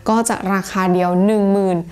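A young Thai woman teaches classroom English in a relaxed, chatty way. Her voice sits at a middle pitch for a woman. She slides back and forth between Thai and English with easy, friendly energy. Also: brisk, smooth. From Thailand. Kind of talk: casual language lesson.

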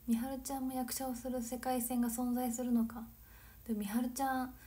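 A woman in her twenties from Nagano, chatting casually on a livestream, giggling and drifting into soft whispered asides. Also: high-pitched, little pitch movement, normal speed. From Nagano, Japan. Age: 20s. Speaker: livestream host. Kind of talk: casual chat reading viewer comments.

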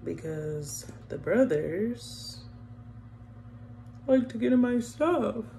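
This beauty vlogger has a slightly high, animated voice that is creaky and dark, and she talks extremely slowly. She chats casually with viewers, calling them y'all, and hums while doing her makeup; there's a little hiss or hum in the recording.

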